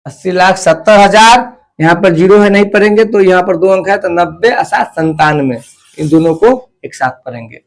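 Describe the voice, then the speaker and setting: A man teaching a math lesson, slowly counting off place values step by step and repeating himself. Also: sits high.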